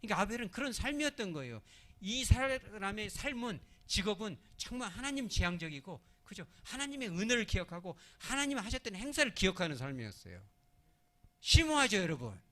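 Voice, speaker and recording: Speaking fast with a voice slightly higher than most men's, this pastor preaches a midweek sermon that is lively and conversational, his pitch moving up and down widely. He asks the congregation questions and answers them, performs small scenes in different voices, and alternates between loud emphasis and soft, hushed phrasing.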